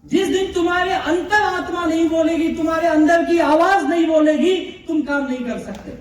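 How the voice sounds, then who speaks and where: A man's voice: very high voice, moderate pace. A man telling a comic story to a live audience as a motivational speaker, acting out the dialogue in it. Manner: animated, comic, acts out dialogue. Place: large hall with audience. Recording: echoey hall, distant mic, crowd noise.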